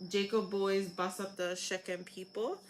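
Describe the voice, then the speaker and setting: A woman speaks in a Hawaiian Pidgin accent at an unhurried, slow pace. She tells Bible stories informally, stopping and picking up again as she reads aloud. Her medium-pitched voice comes with some ambient noise behind it. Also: flat delivery, low-quality recording. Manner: halting, informal reading with re-readings. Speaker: host reading aloud.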